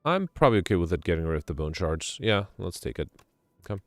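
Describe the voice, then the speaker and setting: A man with a very deep voice talks through his moves in a casual gameplay chat, hesitating and filling pauses with ums. Faint game music plays behind him. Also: big pitch swings, dry recording. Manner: thinks aloud, hesitant, many ums. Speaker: streamer playing co-op.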